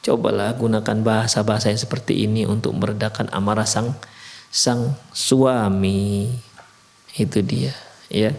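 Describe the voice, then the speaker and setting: Speaking in a low-ish voice with vocal fry, a Medan-accented man gives a mosque talk about marriage in Islam. He keeps it chatty and animated, explains passages in Arabic, and at moments plays both husband and wife.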